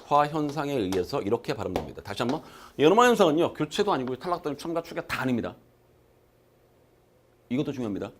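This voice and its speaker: A medium-pitched man with a sing-song delivery talks fast while teaching a recorded exam-prep class in a lecture room, with slight background noise. He's emphatic, poses questions to his students and answers them himself, and repeats key terms to drill them in.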